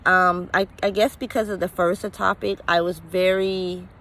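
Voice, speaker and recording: A woman's voice: on the low side, level tone, moderate pace, a bit bright. A woman telling her own story in a candid, conversational vlog, full of fillers and at times close to tears. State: emotional, near tears at times. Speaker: vlogger.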